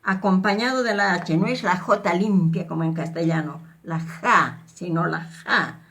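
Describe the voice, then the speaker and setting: A woman teaching a language lesson, slowly repeating syllables and words for students to copy. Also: on the low side, a bit bright. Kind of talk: slow spoken language lesson with drills.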